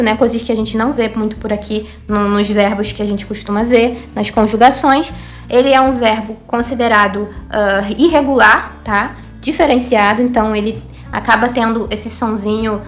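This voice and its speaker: A woman with a Brazilian Portuguese accent and a slightly high voice teaches a recorded lesson. She checks in with listeners and repeats words slowly and clearly, with faint music under her voice. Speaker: Hebrew teacher. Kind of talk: online language lesson.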